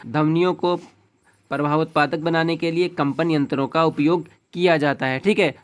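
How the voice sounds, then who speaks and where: A man with a slightly higher voice teaches an exam-prep lesson. He explains each answer step by step and adds a quick "okay" after every point.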